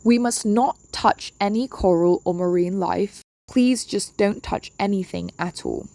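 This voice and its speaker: A woman presents a safety briefing in a relaxed, mellow voice with noticeable creak. Her instructions are polite, firm and laid out step by step. The sound is dry and close, like narration for a training video. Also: mid-range voice, unhurried, dry recording.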